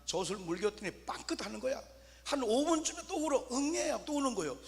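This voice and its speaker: A man's voice: very high voice, fast talker, creaky. A male pastor giving a humorous sermon at a late-night prayer meeting, telling stories and acting out the voices of people in them. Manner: animated storytelling, acting out voices of babies and mothers. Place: church sanctuary. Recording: long hall reverb.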